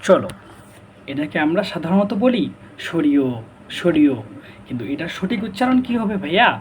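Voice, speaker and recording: High-voiced man drilling pronunciation. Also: very animated, slight background noise. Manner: drills each sound by repeating it slowly; explains patiently with questions to the class. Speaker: teacher. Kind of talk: pronunciation lesson.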